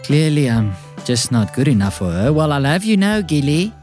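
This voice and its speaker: A man's voice: a little high, sing-song, moderate pace, a little mellow, faint music behind. A man hosting a comedy podcast interview, talking in a playful, self-mocking way. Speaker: podcast host.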